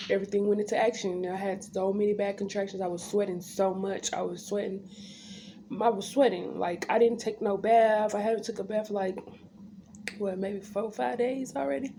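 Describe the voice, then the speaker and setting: A young woman tells a story in a casual, unfiltered chat. Her voice is mellow and dark at an average pitch, and her wording is slangy and blunt. There is faint noise and room ambience behind her. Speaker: vlogger telling her birth story. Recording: background noise, home ambience.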